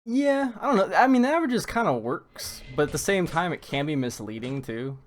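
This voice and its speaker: A North American man casts a live esports tournament, rambling with many fillers and restarts while he has the hiccups. His voice is fairly high and very animated, a little fast, with slight background noise.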